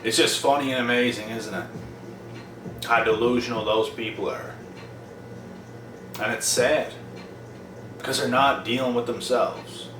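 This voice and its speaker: Captured from a distance over music, this young man from Prince Edward Island, Canada, vlogs in a medium-pitched voice, measured and full of pauses. His casual to-camera monologue is a blunt, profane rant in which he repeats points for emphasis. The sound is roomy and off-mic, with background noise.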